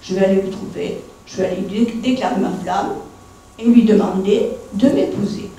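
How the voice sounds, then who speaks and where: A woman's voice: mid-range voice, moderate pace, dark tone, distant mic, natural voice. A woman voicing a lovesick, mischievous witch in a storybook tale, eager and pleading. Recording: echoey room.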